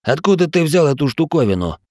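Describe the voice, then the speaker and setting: A man's voice: on the high side, sing-song, a little fast, darkish tone, no room sound, studio quality, pitched above the performer's own voice. A man voicing the wary male companions in a reading, in a raised, urgent voice. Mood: tense.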